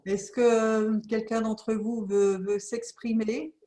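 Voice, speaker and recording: A woman moderating an online meeting, handing the floor briskly and encouraging others to speak. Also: on the high side, flat delivery, warm tone. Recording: echoey room sound.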